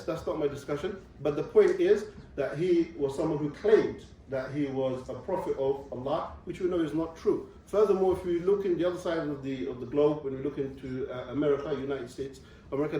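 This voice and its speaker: This visiting Islamic speaker, a young man, teaches students about religion in a university lecture room, talking a little fast in a high, mellow voice. He breaks things down step by step and keeps checking in with "okay." A faint hiss or hum and heavy echo come through the distant mic.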